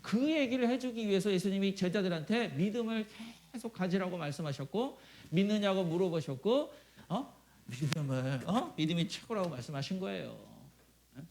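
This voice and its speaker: High, animated man preaching. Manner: animated preaching, keeps prodding listeners with quick rhetorical questions. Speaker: pastor. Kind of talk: sermon at a church retreat.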